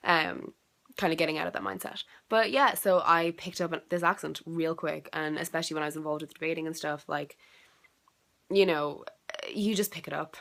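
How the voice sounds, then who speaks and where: Stuck in bed at home with a cold, this young South Dublin vlogger from Ireland sounds congested as she rambles through a video challenge. She uses lots of "like" and "um" and swears now and then. Her deep, creaky voice is fairly bright and moves at a moderate pace.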